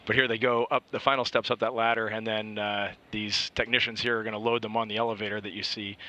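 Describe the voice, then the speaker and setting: A man's voice: lowish voice, level tone, fairly quick, pushed and bright. A man giving conversational live commentary as an astronaut guest, explaining things informally.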